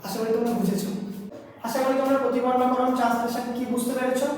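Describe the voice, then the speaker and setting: A high-pitched woman teaching schoolchildren, spelling out letters one by one and explaining slowly, often repeating herself. She sounds far from the mic, with heavy echo and a long reverb tail in a classroom. Faint noise sits underneath. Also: flat delivery, darkish tone. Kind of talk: classroom grammar lesson.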